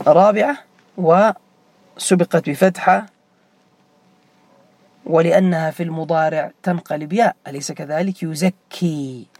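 A man with a high, gravelly voice teaches a classroom grammar lesson. He repeats the key forms and questions his students by name. The sound is close and dry, with no room echo. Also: darkish tone.

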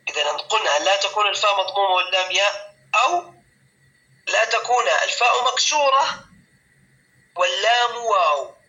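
A male teacher leads a classroom grammar lesson with a high voice and a very bright, sharp tone. He goes patiently, repeats key words slowly and often asks his students whether they follow. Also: highs cut off.

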